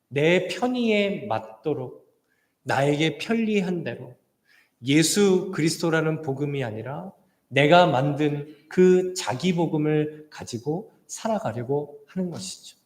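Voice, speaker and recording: A male pastor preaching a sermon in a church sanctuary, earnest and mixing in light jokes. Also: on the high side. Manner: earnest preaching mixed with light joke-telling. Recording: echoey church hall.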